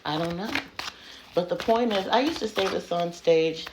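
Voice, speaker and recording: A frank, chatty woman in a casual tarot vlog, swinging from loud, animated bursts down to hushed whispers. The recording has clear background noise and comes from a phone propped up at home. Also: on the low side, normal speed. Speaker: tarot reader.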